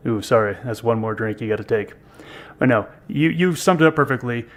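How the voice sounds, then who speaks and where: A man's voice: medium pitch, fairly quick. Joking fifty-year-old male co-host. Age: 50s. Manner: self-deprecating, joking. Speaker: podcast co-host. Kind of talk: casual podcast chat.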